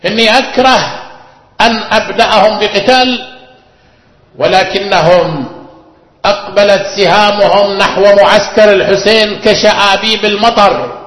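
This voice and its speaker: Male reciter, high voice, slow grieving chant, echoey hall. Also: fairly even intonation, a bit bright. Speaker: religious reciter of a lament narrative. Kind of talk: mournful chanted religious narration. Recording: echoey hall with long reverb.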